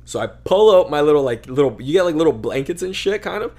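A young man on a casual podcast, telling a long military story in an animated, profane, slangy way. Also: a little high, fast. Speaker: podcast co-host. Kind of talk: casual chat.

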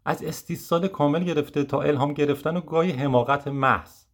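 Man reading a reflective memoir aloud. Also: on the high side. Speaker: audiobook narrator. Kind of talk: first-person audiobook narration.

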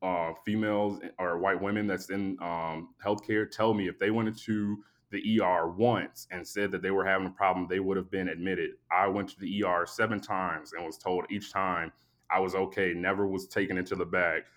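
A sleepy man hosting a podcast, telling a long story in a casual, animated, profane way and acting out both sides of the exchange. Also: low voice, moderate pace. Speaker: podcast host.

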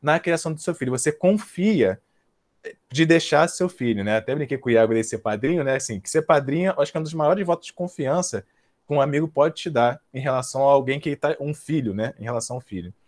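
Chatty young man talking quickly. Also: medium pitch, animated. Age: 20s. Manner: chatty and self-mocking, with quick laughs. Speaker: podcast guest, young father. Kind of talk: casual podcast interview.

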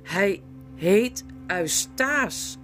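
A woman's voice: medium pitch, animated, a little slow, soft background music, natural voice. A woman voicing a sleepy, flustered old male owl who hoots and mutters to himself.

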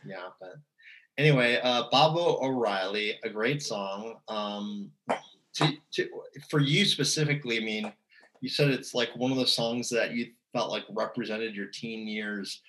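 A man's voice: mid-range voice, unhurried, fairly bright tone, low-quality recording. A man in casual conversation, talking at length with many fillers and restarts. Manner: rambling, chatty, lots of fillers and restarts. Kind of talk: casual music chat.

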